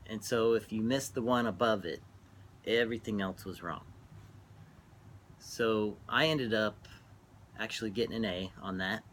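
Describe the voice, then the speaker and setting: A middle-aged man talking casually and reflectively while smoking, halting and trailing off between phrases as he reminisces. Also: fairly low pitch, a bit bright, slight background noise. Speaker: vlogger. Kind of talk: casual rambling monologue, reminiscing.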